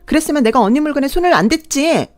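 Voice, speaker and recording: A woman's voice: high-pitched, lively intonation, rapid-fire, no echo, faint music behind, voice pushed up. A woman voicing a spoiled young sister-in-law who talks in a mocking, entitled tone in a radio drama.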